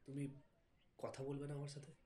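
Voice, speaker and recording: A young actor playing a shy teenage boy speaking hesitantly and quietly. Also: medium pitch, completely flat delivery, normal speed, a little hiss or hum, natural voice.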